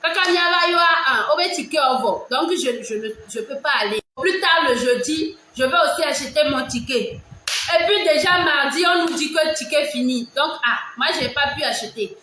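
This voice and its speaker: A woman with a Togolese French accent, talking loudly and emphatically to her viewers in casual commentary, often repeating herself. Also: sits high, expressive, normal speed, slight background noise. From Togo. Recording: very echoey room.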